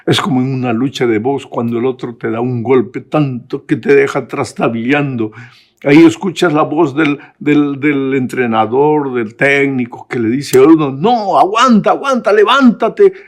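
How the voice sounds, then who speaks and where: A man's voice: medium pitch, fairly even intonation, moderate pace. A man giving a Bible lesson as a pastor, preaching with passion and rising to emphatic peaks. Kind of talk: sermon-style Bible lesson. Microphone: close mic, recorded for a lesson.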